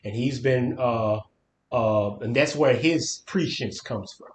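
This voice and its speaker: A man's voice: medium pitch, takes it slowly. A man co-hosting a podcast, chatting casually about a book and searching for his words as he thinks aloud. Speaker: podcast co-host. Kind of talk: casual book-discussion chat. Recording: roomy echo.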